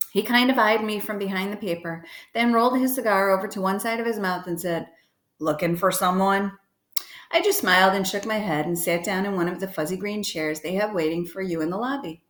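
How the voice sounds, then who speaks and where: Reading the first chapter of a children's novel aloud, a woman with a mid-range voice tells the story with liveliness and gives the characters brief, short voices. The room she's in sounds echoey.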